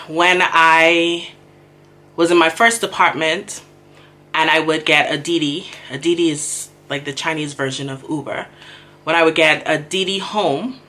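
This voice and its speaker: Woman, young adult, podcast host, low voice, unhurried, bright tone, self-deprecating chat. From The Bahamas. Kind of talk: casual solo podcast chat.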